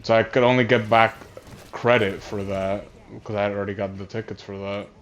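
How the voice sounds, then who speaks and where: A streamer rants casually over a voice call, rambling and exasperated, swearing a lot and restarting often. His voice sits on the low side with fairly even intonation and a brisk pace. The audio is dull, lo-fi console chat captured on a voice chat headset, with slight background noise.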